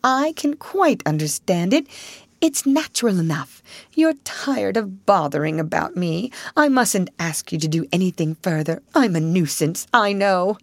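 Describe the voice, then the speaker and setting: A woman's voice: mid-range voice, lively intonation, unhurried, no room sound. A woman voicing a languid, sly male toad in a storybook reading, speaking feebly and melodramatically. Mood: plaintive.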